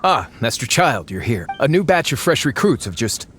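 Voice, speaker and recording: An actor playing a deferential military underling in a video game, formal and apologetic. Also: male voice, medium pitch, very animated, moderate pace, a bit bright, soft background music. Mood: dutiful, apologetic. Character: deferential male military underling of a villainous order. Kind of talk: video game character acting.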